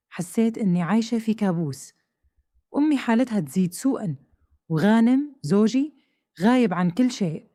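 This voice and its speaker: A woman with a Hejazi Saudi accent tells a tense first-person story at a brisk pace. Her tone is dark and mellow, and the recording is dry and close, with no room around her. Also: mid-range voice, no echo. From Saudi Arabia. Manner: tense, questioning, dramatic. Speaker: narrator.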